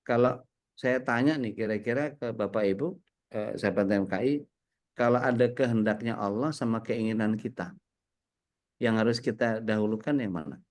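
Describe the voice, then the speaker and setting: A man speaking as a cleric in relaxed, conversational religious talk, often pausing with fillers and turning to the audience. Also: fairly low pitch. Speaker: cleric and co-host.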